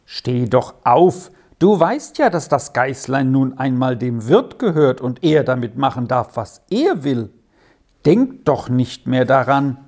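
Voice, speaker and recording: A woman's voice: very deep voice, animated, slow pace, darkish tone, exaggerated voice. A woman voicing a cocky, scheming young herd boy in a storybook reading, talking in a brash, coaxing, sly way.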